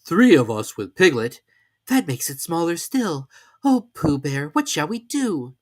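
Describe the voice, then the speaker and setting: A storybook reader voicing an affectionate young boy with an earnest, excitable, childlike manner. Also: mid-range voice, unhurried, voice pushed up. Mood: downcast.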